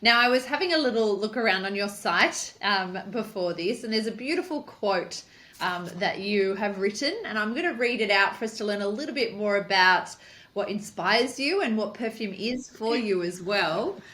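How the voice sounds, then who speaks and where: A woman hosting an interview series, introducing her guest with friendly enthusiasm and giving soft "mm" responses. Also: medium pitch, animated, moderate pace. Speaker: interview host.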